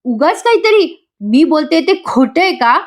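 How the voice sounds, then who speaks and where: A woman's voice: high voice, very animated, a little slow, pitched above the performer's own voice. A woman reading the lines of a distressed young pregnant wife in a serial recap, pleading and tearful. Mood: distraught.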